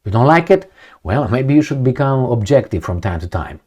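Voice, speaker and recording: A man's voice: medium pitch, very animated, normal speed, a little mellow. A man from Romania, giving a rambling opinion monologue to camera, full of rhetorical questions and repetition. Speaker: video commentator.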